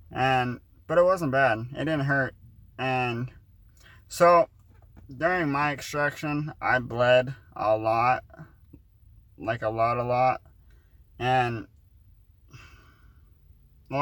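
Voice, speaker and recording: A man's voice: mid-range voice, a bit bright, dry recording. A man in his twenties talks casually to his vlog viewers, with a slight lisp that shows when he speeds up. He rambles, restarts and drops in fillers. The recording is dry and close, with no room sound. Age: 20s. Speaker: vlogger.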